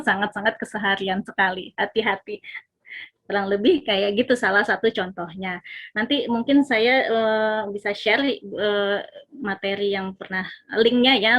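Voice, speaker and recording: A woman's voice: medium pitch, fairly bright tone. A woman speaker explaining parenting in an online seminar, asking her audience questions as she goes.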